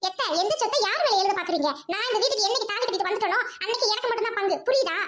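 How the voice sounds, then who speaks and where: A defiant young daughter-in-law, played by a woman in a family skit. She swings between pleading and cold threats in a very high voice, talking fast. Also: a loud crowd. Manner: pleading one moment, cold threats the next.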